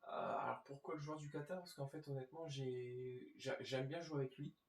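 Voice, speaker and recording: A man hosts a gaming video, giving casual, informal commentary straight to his viewers. His voice is medium-pitched and steady at a moderate pace, and the recording has a roomy echo.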